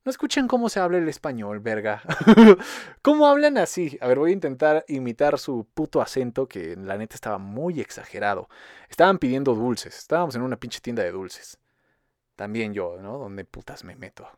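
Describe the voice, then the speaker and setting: A man's voice: medium pitch, lively intonation, normal speed, darkish tone, no room sound, studio quality. A young man with a Mexican accent ranting casually, profane and mocking, joking as he goes. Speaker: commentator. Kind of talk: casual rant.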